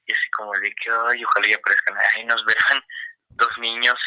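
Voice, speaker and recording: A young man with a Mexican accent tells a story with lots of energy. He swears and does the voices of the people in it, and his lower voice has a very bright, sharp edge. It is recorded close and dry, with no room sound. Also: a little fast, no echo, poor audio. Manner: animated, swearing, acts out quoted voices. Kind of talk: casual storytelling.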